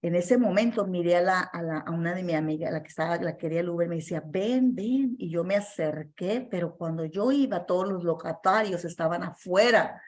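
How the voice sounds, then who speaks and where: A woman's voice: on the low side, fairly quick, hardly any pauses. A woman preaching a sermon and telling a testimony in an earnest, emphatic way, with many fillers and restarts.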